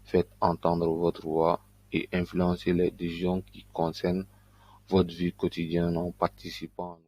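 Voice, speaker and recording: A man giving a casual screen-recording tutorial on earning money online, talking in a loose, halting way with frequent fillers. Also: deep voice, completely flat delivery, a little mellow. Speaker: online business YouTuber.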